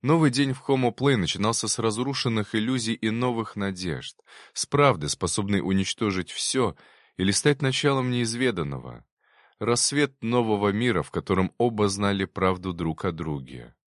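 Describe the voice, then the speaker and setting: A man narrating an audiobook in a calm, even storytelling manner. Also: fairly low pitch, normal speed, no room sound, clean studio sound. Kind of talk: audiobook reading.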